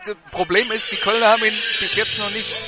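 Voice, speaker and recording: A man's voice: high voice, steady tone, quick pace. A man adding chatty analysis during live football radio commentary. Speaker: color commentator. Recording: dull sound with loud stadium music. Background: loud stadium music.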